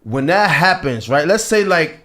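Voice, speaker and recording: Slightly high-voiced man musing aloud. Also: very animated, a little slow, sharp tone. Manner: reflective, repeats words while building a point. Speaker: podcast co-host. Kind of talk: casual chat.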